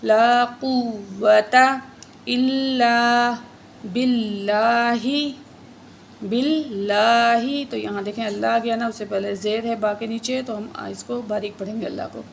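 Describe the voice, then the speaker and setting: A woman teaching a word-by-word tajweed lesson, drawing out each recited word slowly, then spelling letters and vowel marks in quick explanations. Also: medium pitch, level tone, creaky, darkish tone, a little hiss or hum.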